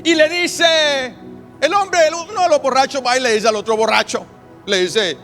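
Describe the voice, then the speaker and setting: A male pastor with a strikingly high voice delivers an emphatic sermon. He weaves in personal stories and leans on long, deliberate pauses. Soft music plays faintly behind him. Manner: storytelling, emphatic, with drawn-out pauses.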